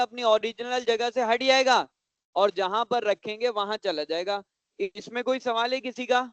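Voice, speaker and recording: A man teaches a computer class to children, pausing often to check that everyone understands and going back over each step. His voice is high, smooth and resonant. The sound is dry and close, with no room echo. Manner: repeats points slowly and patiently.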